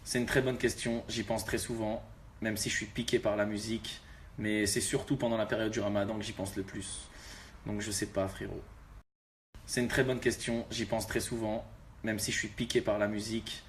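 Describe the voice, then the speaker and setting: A young rapper talks straight to his fans in a relaxed, slangy way, his voice sitting low. A faint hum lingers under the recording. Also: normal speed. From Algeria. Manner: laid-back, street slang, addresses viewers directly. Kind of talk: casual talk to fans.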